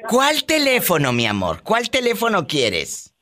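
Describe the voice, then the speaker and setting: A middle-aged woman with a Mexican accent hosts a call-in radio show, her voice bright and crisp. She talks to callers in an affectionate, teasing way. Her pitch rises and falls freely as she reacts. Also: wildly swooping pitch, measured pace, slight background noise.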